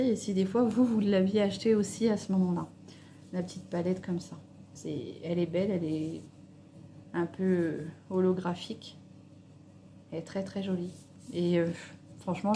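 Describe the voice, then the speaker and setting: A woman's voice: mid-range voice, warm tone, slight background noise. A woman vlogger chatting casually and hesitantly about makeup palettes, swatching them on her hand while she talks. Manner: chatty, hesitant, with many fillers. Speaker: beauty vlogger. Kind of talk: casual makeup review chat.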